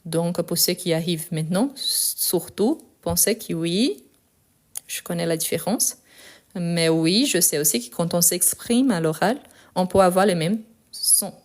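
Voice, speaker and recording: A woman's voice: fairly low pitch, lively intonation, measured pace. A woman teaching a live online French lesson, explaining sounds patiently and checking in with her viewers. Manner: explanatory, repeats key points with "ok?" checks.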